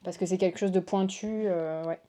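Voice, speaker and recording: A woman's voice: on the low side, steady tone, moderate pace, mellow. A woman hosting a casual unboxing chat, gushing and exclamatory as she shows cards to her viewers. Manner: gushing, exclamatory, lots of waouh and oh là là. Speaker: tarot reader and channel host.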